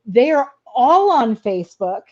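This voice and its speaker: A woman's voice: fairly high pitch, big pitch swings, a little slow, highs cut off. A middle-aged woman telling a personal story in an interview, earnest and hesitant, often repeating words as she goes.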